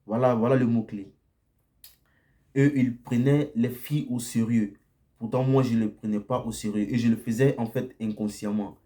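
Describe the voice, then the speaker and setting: Blunt man with a dark voice. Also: mid-range voice, steady tone, moderate pace. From Côte d'Ivoire. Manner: frequent tag "ok?" and repetitions, direct and blunt. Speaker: dating advice vlogger. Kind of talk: casual monologue to camera.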